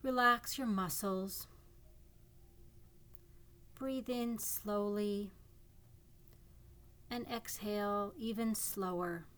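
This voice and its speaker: A woman narrating a guided imagery meditation in a calm, soothing way, leaving long pauses between gentle instructions. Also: medium pitch. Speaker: psychotherapist guiding a meditation.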